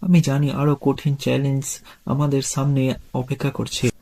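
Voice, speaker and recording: A grave chairman, as a male narrator reads him, spoken quietly and in a subdued way. The voice is mellow and level, with almost no melody. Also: mid-range voice, flat delivery, normal speed, vocal fry. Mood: somber.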